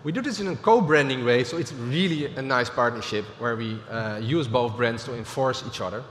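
A middle-aged man with a Dutch accent delivers a business keynote from a large stage, pausing often with fillers and restarting phrases. His voice carries long reverb through a big hall, with a faint murmur of ambience underneath. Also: mid-range voice, a bit bright, slight background noise. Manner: halting, with frequent fillers and restarts. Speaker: keynote speaker.

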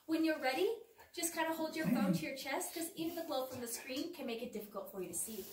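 A woman's voice: high voice, fast, a little mellow. A woman working as a tour guide, talking playfully and chattily to a group in an echoing cave. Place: underground cave room. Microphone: visitor's phone at a distance. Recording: echoing cave, distant mic, faint noise.

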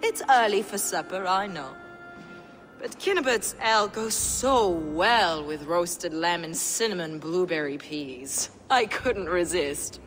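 A woman's voice: on the low side, lively intonation, slow, a bit bright, long reverb tail, faint music behind. An actress playing a mocking, sinister zealot woman in a video game, speaking with theatrical, mock-polite menace. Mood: mock cheerful. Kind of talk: video game dramatic acting.

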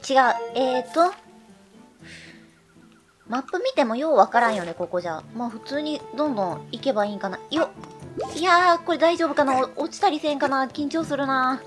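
Woman, Kansai accent, gameplay commentary, high voice, very lively pitch, excitable self-narration. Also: moderate pace. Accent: Kansai Japanese. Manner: excitable, narrates her own moves with exclamations and repeated words. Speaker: let's-play streamer. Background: game music.

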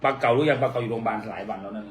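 A man's voice: lowish voice, very fast, a loud crowd. A man with an Isan Thai accent, chatting casually with his partner and teasing him in a playful, bickering way. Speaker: vlogger. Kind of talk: casual couple chat.

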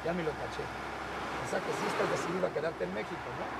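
An actor playing a joking, slangy trucker friend with a Mexican accent, outdoors. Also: male voice, fairly high pitch, fast talker, creaky, very noisy. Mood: teasing. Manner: teasing, slangy.

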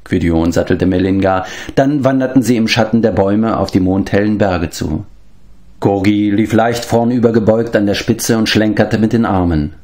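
A man reading a children's fantasy novel aloud as an audiobook, in steady, even storytelling narration. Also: lowish voice, moderate pace. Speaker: audiobook reader. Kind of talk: scripted narration.

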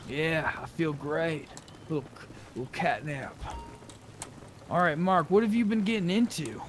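During an online roleplay game, a man talks casually with other players, partly in character. He speaks a little slowly in a fairly high voice, against faint background noise and game sounds.

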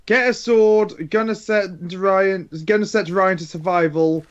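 A man's voice: sits high, fairly even intonation, a little slow, clear, resonant tone, lo-fi sound. A man streaming casual banter, teasing and joking.

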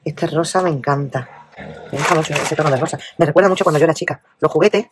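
A woman with a Spain Spanish accent chatting casually as she unboxes a craft parcel, exclaiming and often dropping to a hushed murmur. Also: low voice, quick pace, noisy background. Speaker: craft vlogger.

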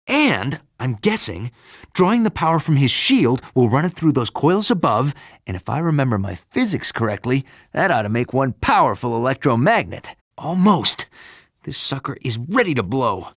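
A man voicing a cocky, upbeat young superhero in a video game, with an American accent and a quippy, animated way of talking. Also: medium pitch, dry recording, clean studio sound. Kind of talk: video game voice acting, quips and hints.

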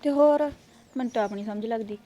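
Brief: actress as an aggrieved Punjabi daughter-in-law, high voice. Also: female voice, a little fast, warm tone, lightly acted. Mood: protesting. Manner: aggrieved, protesting. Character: fed-up young daughter-in-law.

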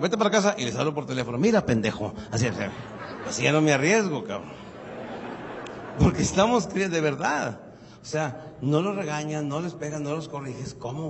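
A man's voice: a little high, vocal fry. A middle-aged man with a Mexican accent doing a stand-up comedy routine, telling crude slang-heavy stories and acting out both sides of a dialogue, on stage before a live audience. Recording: reverberant venue with faint ambient noise.

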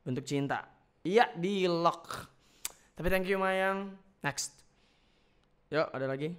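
A man's voice: sits high, clean tone. A man reacting playfully to fan voice notes in casual chat. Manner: playful, chatty, quick reactions.

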